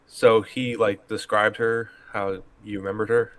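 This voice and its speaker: A man's voice: on the low side, flat delivery, unhurried, a bit bright, no echo. A man hosting a paranormal chat, asking probing questions and offering theories. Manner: probing questions, speculative explanations. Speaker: host. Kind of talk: casual interview chat.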